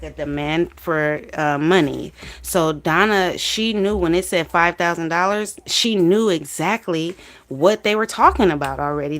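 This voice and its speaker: Low-voiced woman chatting about a trial. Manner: chatty, gossipy, opinionated. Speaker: livestream host. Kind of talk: casual commentary on a trial.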